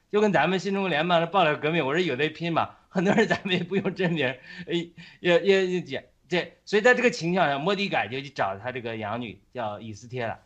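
Halting man retelling a Bible story. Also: a little high, a bit bright. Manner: halting, with frequent fillers and restarts.

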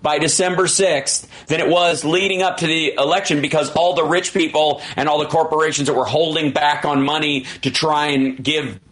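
A man's voice: fairly high pitch, steady tone, moderate pace, hardly any pauses, fairly bright tone. A middle-aged man hosting a radio show, riffing on politics in an emphatic, jokey, casual way.

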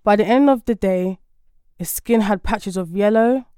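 A woman reading a folk tale aloud in a gentle, even storybook manner. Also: mid-range voice, moderate pace, smooth, no echo, clean studio sound.

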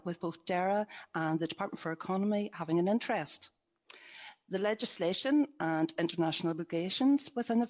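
A woman official delivering a prepared formal briefing in a measured way, with some hesitant pauses. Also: fairly low pitch. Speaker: government official.

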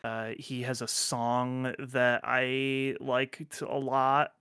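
A man's voice: mid-range voice, completely flat delivery, drawn-out words, sharp tone, clear, resonant tone, no room sound, clean studio sound. A man hosting a podcast in casual chat, rambling with lots of fillers, restarts and offhand swearing. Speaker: podcast host.

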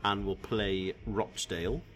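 Deep-voiced man chatting about football. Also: slow. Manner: relaxed, hesitant, restarts phrases. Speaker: podcast host. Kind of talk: casual football chat.

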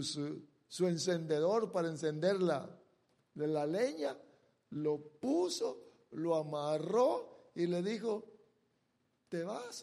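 A man preaching a sermon, retelling a Bible story and acting out the characters' lines, with dramatic jumps between loud bursts and quiet drawn-out words. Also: on the high side.

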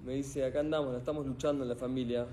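A man's voice: mid-range voice, very fast, slight background noise. A middle-aged man with an Argentine accent gives a live motivational talk in a hall without a microphone. He tells stories with energy and keeps asking the audience questions. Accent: Argentine Spanish. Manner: animated storyteller who quizzes the audience. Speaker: motivational speaker. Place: event hall full of people. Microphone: speaking without a microphone.

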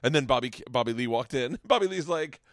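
A man's voice: mid-range voice, animated, fairly quick, dry recording, studio quality. A man hosting a casual podcast, talking candidly and rambling in a self-deprecating way. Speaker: podcast host and comedian. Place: home studio man cave.

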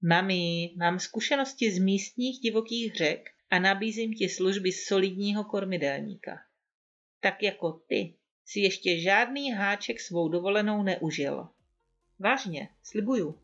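A woman's voice: medium pitch, fairly bright tone, highs cut off. A woman reading the part of a carefree young adult son who talks back to his mother in a breezy, persuasive way.

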